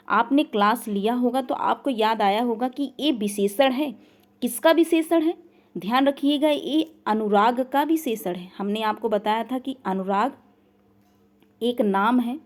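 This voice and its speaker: A woman teaching an online grammar lesson, asking the learners questions and then answering them herself, over and over. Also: on the high side. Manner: repeats questions and makes the learner answer back. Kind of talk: online class lecture.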